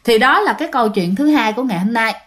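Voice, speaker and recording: Woman telling ghost stories, chatty, slightly high voice, phlegm in her throat. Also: expressive, quick pace, a bit bright. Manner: chatty, addresses listeners directly. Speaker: ghost story narrator. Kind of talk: casual storytelling narration.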